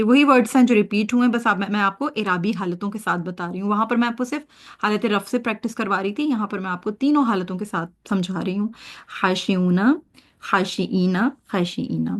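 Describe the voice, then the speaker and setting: A woman teaching Arabic grammar, drilling word pairs and checking her students' understanding as she goes. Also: medium pitch. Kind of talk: online grammar lesson.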